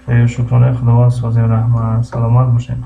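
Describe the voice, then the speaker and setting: A man with a Tajik accent teaching English on a live stream, repeating each word slowly and greeting viewers by name. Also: medium pitch, completely flat delivery, vocal fry. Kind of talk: live-streamed language lesson. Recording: muffled lo-fi stream audio with faint hum.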